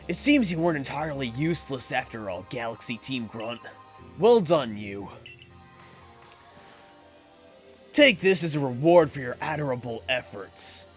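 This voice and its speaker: A man voicing an arrogant young male clan warden, in a drawling hippie-like voice full of haughty condescension. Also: fairly high pitch. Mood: condescending.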